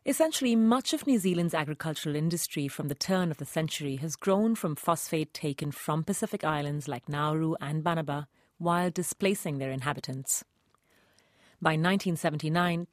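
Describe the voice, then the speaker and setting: A woman host reading a scripted radio documentary narration in a calm, clearly paced way. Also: deep voice, no room sound, clean studio sound.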